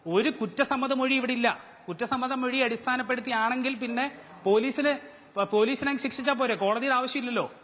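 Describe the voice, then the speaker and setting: A man's voice: extremely high pitch, brisk, fairly bright tone, long reverb tail. A man with a Malayali accent, a defence lawyer arguing hard in a TV debate, pressing his point with repeated rhetorical questions. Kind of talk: heated TV debate argument.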